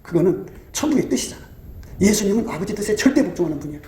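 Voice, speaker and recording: A man's voice: high-pitched, lively intonation, racing, darkish tone. A man preaching a sermon, emphatic, full of rhetorical questions and quoted voices. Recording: echoey room with faint ambient noise.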